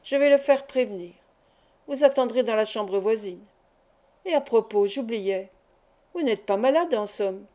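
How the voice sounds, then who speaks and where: A woman's voice: fairly high pitch, lively intonation, measured pace, pauses often, mellow. A woman reading the lines of a young male hospital intern who asks brusque, probing questions.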